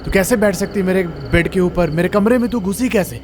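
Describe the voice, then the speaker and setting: Male narrator plays a possessive, short-fused young woman student; pitch up, bite on every line. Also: a little fast, a little hiss or hum, natural voice. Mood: angry. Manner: sharp, scolding outburst. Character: young female college student, hot-tempered, possessive of her room.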